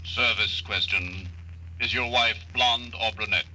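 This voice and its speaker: A man's voice: on the low side, measured pace, lightly acted. A man playing an emotionless computer in an old radio drama, speaking in a formal announcer manner. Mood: impersonal, matter-of-fact. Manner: flat, formal, announcer-like delivery. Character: emotionless talking computer answering questions. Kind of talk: 1950s radio drama acting. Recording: old radio recording, faint hum.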